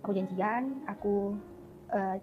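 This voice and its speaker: A woman's voice: mid-range voice, little pitch movement, phone-quality sound, a little hiss or hum. A woman guest in an interview telling her conversion story in a chatty way, acting out her family's words. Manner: rapid, chatty, acts out family dialogue.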